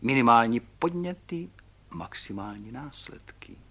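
A man reading aloud who voices a small, boastful older man, exclaiming eagerly in a storybook reading. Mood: gleeful. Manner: exclaiming, high and excited. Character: tiny cheerful older man, boastful and excitable.

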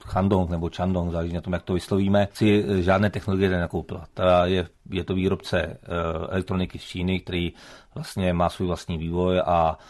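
A man speaking formally in a studio debate, hesitant, defending his position. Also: deep voice. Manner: formal, hesitant, even delivery.

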